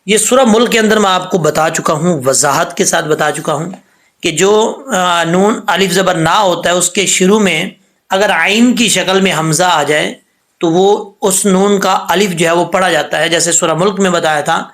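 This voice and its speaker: A man teaching Quran reading in a patient lesson, spelling out syllables slowly and checking often that the learner follows. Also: high-pitched, a bit bright. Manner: patient, repeats each syllable slowly and asks "ٹھیک ہے؟" often. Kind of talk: recitation lesson.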